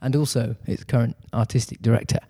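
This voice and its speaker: A man's voice: medium pitch, fairly even intonation, quick pace, dark tone, slightly rough. A man hosting a podcast as a casual chat, recorded in a big echoey performing room. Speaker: podcast host. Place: main performing room of an improv theatre.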